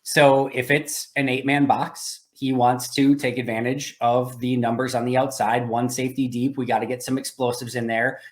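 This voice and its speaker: Man hosting a sports podcast, medium pitch. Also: level tone, normal speed, hardly any pauses. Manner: analytical, explanatory. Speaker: podcast host. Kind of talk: conversational sports commentary.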